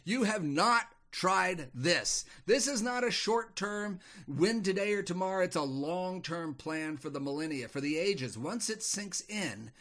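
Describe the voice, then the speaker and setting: A man voicing Baal, a calm scheming male demon who speaks firmly and deliberately. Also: a little high, full character voice. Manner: firm, measured, deliberate.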